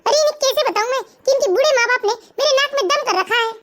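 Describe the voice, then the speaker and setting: A performer with a very high voice playing a sly, vain young wife in an animated family story, muttering snappish asides. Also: fast. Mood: scheming. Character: scheming vain young wife, sharp-tongued. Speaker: cartoon character.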